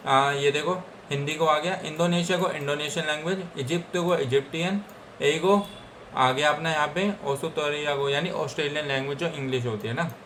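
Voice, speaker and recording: Young Indian male tutor, slightly high voice, casual, repetitive drilling, faint noise behind. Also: brisk, fairly bright tone. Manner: repeats each word several times, with frequent "theek hai guys". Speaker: Japanese language teacher. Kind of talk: casual Hindi language lesson.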